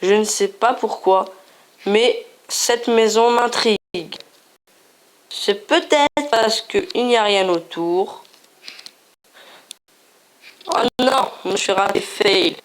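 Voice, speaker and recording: A woman takes it slowly, pausing often, in a medium-pitched voice while hosting a casual gaming video. Her manner is playful and chatty, and she frequently repeats herself as she shows things on screen.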